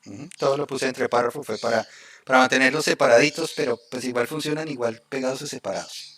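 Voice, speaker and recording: A man teaching a live coding lesson. He explains each step slowly and often checks in with his students. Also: medium pitch, steady tone, fairly bright tone. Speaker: programming instructor.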